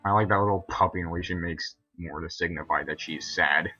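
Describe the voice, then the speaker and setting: Low-voiced young man rambling commentary. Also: fairly even intonation, moderate pace, sharp tone, slightly rough, highs cut off, soft background music. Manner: rambling, filler-heavy, chatty. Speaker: episode commentator. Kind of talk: casual video commentary.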